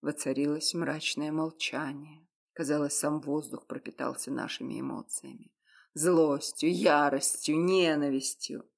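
A woman narrating a first-person novel, steady and hushed at tense moments. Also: sits low, unhurried, gravelly. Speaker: audiobook narrator.

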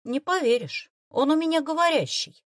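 Woman voicing Ekaterina, a calm young woman. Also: high voice, normal speed, no room sound, clean studio sound, voice pushed up, lightly acted. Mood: gentle. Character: patient young woman, gentle and secretive.

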